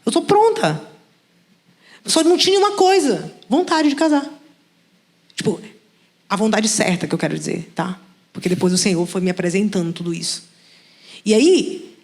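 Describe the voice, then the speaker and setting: A young adult woman pastor, telling a personal story in a conversational sermon and acting out the dialogue. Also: medium pitch. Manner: animated storytelling, acts out dialogue.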